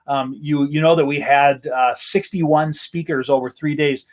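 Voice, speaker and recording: A man's voice: fairly high pitch, fairly even intonation, measured pace. An American man hosting a casual, enthusiastic live-stream chat outdoors in a backyard. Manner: upbeat, enthusiastic. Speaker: host.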